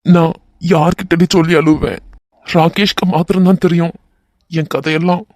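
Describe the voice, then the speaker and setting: A devoted young husband in a cartoon love story, earnest and fond of playful banter, voiced by a man. His voice sits a little high, with a Kanyakumari Tamil accent. The recording is dry and close. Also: steady tone, normal speed, a little mellow, no room sound, natural voice. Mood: earnest musing. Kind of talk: animated romance voice acting.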